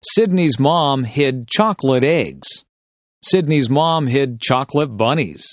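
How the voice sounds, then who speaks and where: A man reading short, simple sentences as dictation for English learners, enunciating each one carefully and deliberately. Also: medium pitch, animated, no echo, studio quality.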